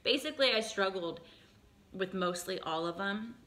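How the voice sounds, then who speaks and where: A woman's voice: mid-range voice, expressive, moderate pace, pushed and bright. A woman in her late thirties talking candidly in a casual personal vlog, rambling with lots of fillers and restarts. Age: 30s. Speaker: vlogger.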